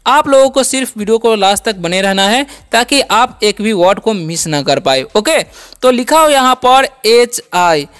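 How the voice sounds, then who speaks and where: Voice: mid-range voice, animated, normal speed, a bit bright. A teacher giving a step-by-step pronunciation lesson, patiently asking and answering their own questions and repeating each word for drilling. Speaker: English teacher.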